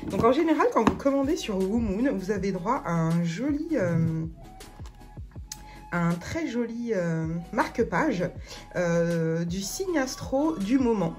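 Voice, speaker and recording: Woman, vlogger, unhurried delivery, hesitant, lots of fillers, casual unboxing chat, faint music behind. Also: medium pitch, expressive, darkish tone. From France. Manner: hesitant, many fillers and restarts.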